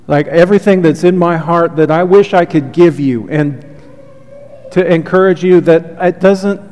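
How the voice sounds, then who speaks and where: A man preaching as pastor speaks at a moderate pace in a slightly high voice, recorded with a long hall reverb. His sermon is earnest and heartfelt, his voice soothing, and he offers soft confessional asides along the way.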